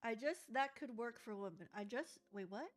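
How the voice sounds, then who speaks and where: A woman's voice: a little high, expressive, normal speed. A young woman chatting casually and playfully while she crafts in her journal, joking and giggling as she talks to viewers. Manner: playful, giggly, sings snatches of songs.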